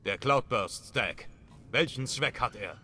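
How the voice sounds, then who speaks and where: Ein Schauspieler spielt in einem Videospiel einen strengen maskierten Rächer, knapp und kalt drohend. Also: male voice, medium pitch, expressive, takes it slowly, pushed and bright. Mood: cold menace. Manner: terse, menacing interrogation. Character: stern masked male vigilante hero, coldly threatening. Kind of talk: dramatic game voice acting.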